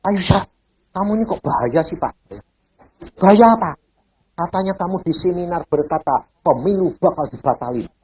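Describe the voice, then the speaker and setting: A man's voice: a little high, brisk, a little hiss or hum. A man preaching a sermon, telling stories and asking the congregation rhetorical questions. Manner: animated storytelling with wide swings between loud and soft. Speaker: evangelist preacher. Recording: old cassette recording of a sermon.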